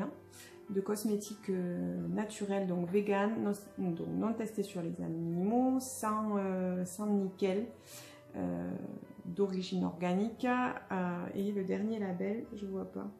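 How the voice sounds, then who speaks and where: Young woman vlogger, casual and halting, mellow tone, echoey room with faint music. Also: medium pitch, gravelly. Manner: hesitant, many fillers and restarts. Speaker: beauty vlogger. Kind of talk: casual unboxing chat.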